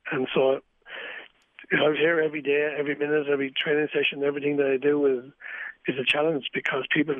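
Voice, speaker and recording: A man's voice: fairly high pitch, flat delivery, quick pace, no echo. Phone-line Wexford Irishman, candid and earnest. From County Wexford, Ireland. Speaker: amateur boxing coach, interviewee. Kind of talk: reflective interview. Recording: thin phone-like radio line.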